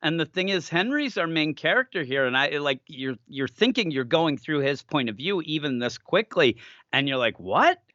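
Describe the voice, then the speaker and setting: A man co-hosting a casual comic book review chat, animated and acting out character lines in quick voices. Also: fairly high pitch, no echo, dull audio. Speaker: comic book podcast co-host.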